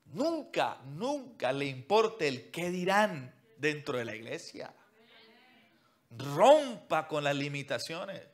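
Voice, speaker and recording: A man preaching a sermon as pastor, swinging from loud emphatic calls to near-whispers and addressing listeners directly with repeated commands. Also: fairly high pitch, big pitch swings, slow pace. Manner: mocks what churchgoers say in a whiny put-on voice.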